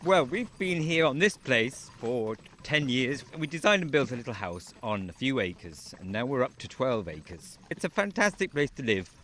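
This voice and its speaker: This farmer and beekeeper, raised in Wales, talks at a normal speed with barely any pauses, his mid-range voice swinging widely in pitch and sounding a little bright. He's relaxed and drily funny as he discusses his farm during an outdoor interview in a horse-drawn carriage. Faint outdoor noise and nearby geese are audible.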